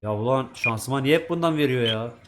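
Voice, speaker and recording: A man's voice: mid-range voice, brisk, noisy background. Chatty man narrating his gameplay. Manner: chatty, swears at characters, talks to himself while playing. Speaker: gaming YouTuber. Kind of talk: casual let's-play commentary.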